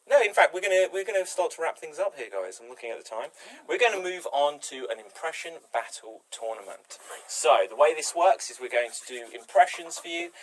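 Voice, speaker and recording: Brief: male improv host, mid-pitched, casual and comedic, explaining games to players. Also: low-quality recording. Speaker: improv game show host.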